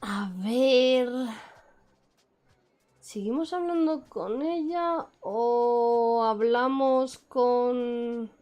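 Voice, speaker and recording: A woman's voice: fairly high pitch, drawn-out words, darkish tone. A woman giving chatty, playful live commentary as a game streamer. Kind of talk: casual live gameplay commentary.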